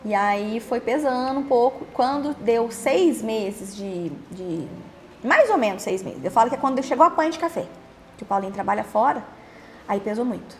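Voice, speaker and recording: A young Brazilian woman telling her own story in a halting way, repeating words and trailing off. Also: fairly high pitch, lively intonation, slight background noise. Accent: Brazilian Portuguese. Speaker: podcast host interviewed as guest. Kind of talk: emotional personal testimony.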